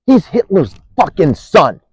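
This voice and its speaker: A man's voice: high voice, very animated, measured pace, a little mellow, husky, dry recording, low-quality recording. A man delivering an angry, profane monologue, accusing and rambling, restarting sentences as he goes.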